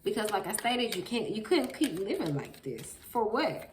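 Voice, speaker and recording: A woman's voice: mid-range voice, sing-song, normal speed, very noisy. A woman with a stuffy nose from a cold, giving an emphatic, preachy tarot reading straight to her viewers. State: congested from a cold, sniffling. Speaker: tarot reader.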